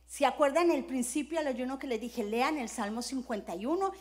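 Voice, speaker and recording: Middle-aged lady pastor, high voice, preaching thru stories, acts stuff out w little sound words. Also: animated, fairly quick, darkish tone. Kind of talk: sermon with personal stories.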